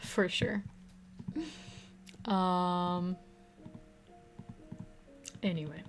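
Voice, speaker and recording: Woman streamer, unhurried, swears casually while puzzling, soft music behind. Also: fairly low pitch, steady tone. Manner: loose and profane, muttering at puzzle pieces. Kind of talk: casual live-stream chat.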